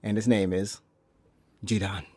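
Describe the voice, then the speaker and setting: A young man hosting a casual podcast. He jokes, laughs often and now and then jumps into high silly voices. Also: little pitch movement, unhurried, warm tone, dry recording. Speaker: podcast host.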